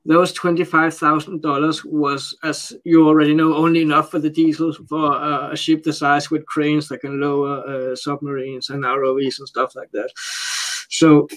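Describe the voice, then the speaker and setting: Fairly high-pitched and a bit bright, this man's voice keeps a level tone. He's a Danish interview guest speaking accented English as his second language in a relaxed, unscripted exchange, frequently halting as he hunts for words to translate.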